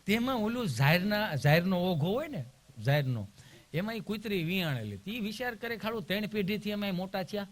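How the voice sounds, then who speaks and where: A high-pitched man, spinning a comic village tale on stage. He is middle-aged and animated, slipping into other voices as he goes. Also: fairly quick. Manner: rustic, animated storyteller who acts out voices. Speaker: stand-up comedian. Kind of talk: folk storytelling comedy.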